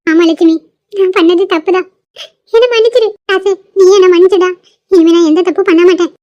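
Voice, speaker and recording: A woman's voice: very high voice, fairly even intonation, fairly quick, warm tone, dry recording, dull audio. A woman voicing a remorseful old grandmother in a cartoon, begging forgiveness in a tearful voice. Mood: pleading. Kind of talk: cartoon voice acting.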